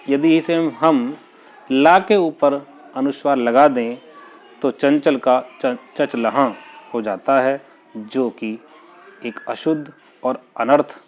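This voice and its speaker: A man teaching a lesson on pronunciation, speaking slowly and carefully, spelling out each example word. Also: mid-range voice, highs cut off. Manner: slow, deliberate, over-articulating example words. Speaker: Hindi teacher. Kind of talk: lecture on pronunciation.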